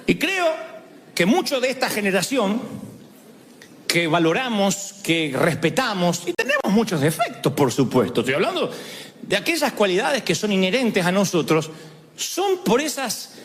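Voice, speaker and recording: A man, a pastor preaching a sermon at a church service, telling jokes and stories in an animated way. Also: sits high, normal speed. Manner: animated, joking storytelling. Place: church service before a congregation. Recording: long reverb in a large hall.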